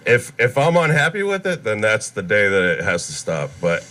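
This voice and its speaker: A man's voice: lowish voice, sing-song, normal speed, sharp tone. A man who owns a popcorn shop, chatting upbeat and easily as a guest on a radio interview.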